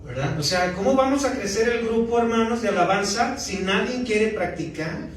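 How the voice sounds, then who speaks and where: A pastor giving a conversational sermon, often checking in with the congregation. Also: male voice, high voice, animated, normal speed, slight background noise. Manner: conversational preaching, often asking the congregation "¿verdad?". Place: church sanctuary. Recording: echoey church hall from far off.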